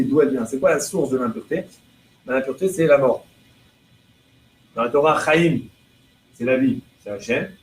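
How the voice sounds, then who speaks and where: Man teaching a class in an echoey room. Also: mid-range voice. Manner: explains through chains of rhetorical questions; translates prayer lines phrase by phrase. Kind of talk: religious lesson to a live audience. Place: room with listeners present. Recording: echoey room with faint background noise.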